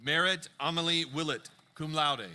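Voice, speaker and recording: A man reads out graduates' names and honors at an outdoor ceremony, steady and measured. His voice is very bright and slightly high for a man. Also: clean tone. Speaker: announcer reading graduates' names. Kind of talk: reading names aloud.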